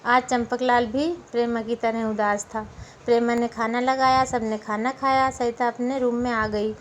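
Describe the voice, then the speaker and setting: A woman storyteller reading a novel aloud in a steady, plain manner. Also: fairly high pitch, unhurried, a little hiss or hum.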